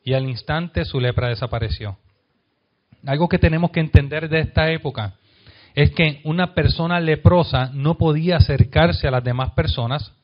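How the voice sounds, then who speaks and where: A man with a slightly high voice and a Puerto Rican accent preaches a sermon, putting questions to his congregation. He reads passages of scripture aloud and lets the most important lines fall quiet and low. The recording is dull and lo-fi. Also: normal speed. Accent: Puerto Rican Spanish. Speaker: pastor.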